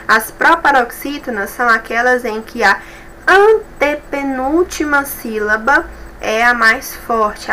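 A woman's voice: fairly high pitch, sharp tone, a little hiss or hum, poor audio. A Brazilian woman teacher explaining grammar rules in an online review lesson, patient and methodical, often checking in with her students. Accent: Brazilian Portuguese. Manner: patient, explanatory, checks in with tags like "certo?" and "tá bom?".

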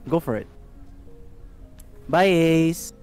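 A co-op gaming partner with a middle-pitched voice, chatting casually while playing. They call out directions and laugh easily. Faint lo-fi music sits in the background. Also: lively intonation, very slow, a little mellow, clear, resonant tone.

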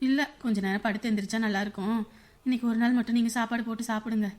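An actress playing a tired village wife with a sore back, speaking wearily. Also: female voice, fairly high pitch, fairly even intonation, rapid-fire, darkish tone, natural voice. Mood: weary. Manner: weary, complaining. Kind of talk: Tamil web drama acting.

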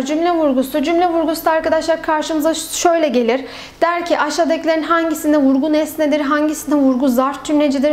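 A young woman with a high, light voice gives a remote grammar lesson to students. She works through examples step by step, posing questions and answering them herself. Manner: explains step by step, asks and answers her own questions. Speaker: teacher.

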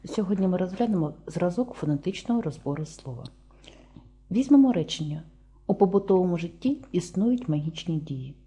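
A woman with a Ukrainian accent giving a slow, deliberate lesson, spelling out sounds one by one. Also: on the low side, expressive, mellow, husky. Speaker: teacher.

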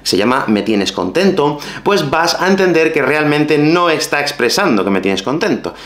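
A man from Spain with a Spanish accent, teaching Spanish in a video lesson with colloquial, expressive talk. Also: a little high, moderate pace, reverberant. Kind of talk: video lesson with acted skits.

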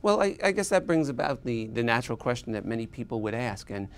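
Halting man interviewer in a studio. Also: medium pitch, big pitch swings. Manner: halting, repeats words when starting questions. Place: small studio set with armchairs.

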